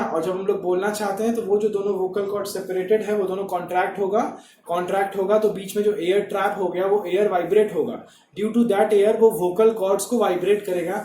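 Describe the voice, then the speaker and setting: A male teacher explains a lesson in a high, mellow voice. He repeats each point and keeps asking his class whether they follow. The echoey room rings around him. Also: a little hiss or hum. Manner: repetitive, checks understanding with rhetorical questions. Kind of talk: classroom lecture.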